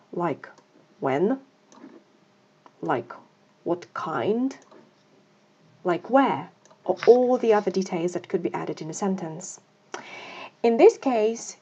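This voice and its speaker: A woman's voice: medium pitch, darkish tone, husky, dull audio. A woman teaching an English grammar lesson. She explains patiently, step by step, and reads example sentences aloud.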